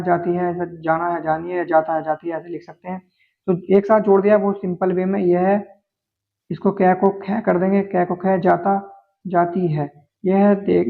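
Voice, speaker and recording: A man teaching shorthand step by step, patient and repetitive, often pausing on "theek hai" as he works through each word. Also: high-pitched, gravelly. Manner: patient, repeats words slowly, many "theek hai" fillers. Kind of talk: explaining Hindi shorthand outlines step by step. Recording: tinny, phone-like narrow sound.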